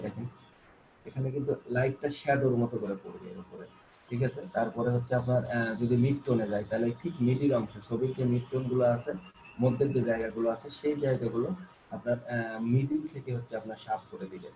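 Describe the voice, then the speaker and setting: A man gives a screen-recorded software tutorial at a quick clip, repeating and restarting as he points things out. His voice sits at a middling pitch. A clear hiss of noise runs under the recording from a desk mic. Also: fairly even intonation. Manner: repetitive, coaxing, many fillers and restarts. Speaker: graphic design instructor.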